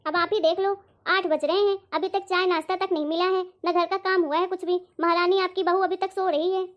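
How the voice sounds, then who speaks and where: A woman playing a quick-tempered middle-aged mother-in-law in a family comedy sketch, nagging and complaining. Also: extremely high pitch, steady tone. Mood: angry. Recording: dull lo-fi audio.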